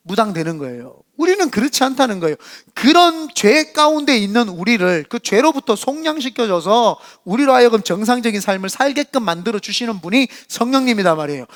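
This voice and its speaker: A middle-aged man from Korea, a senior pastor preaching a sermon, who tells stories animatedly and acts out quoted voices, dropping to quiet asides and rising to shouts. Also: very high voice.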